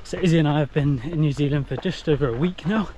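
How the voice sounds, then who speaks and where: A man's voice: a little high, quick pace. A man casually narrating his travel vlog in an easygoing, chatty way, with filler words. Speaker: travel vlogger. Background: background music.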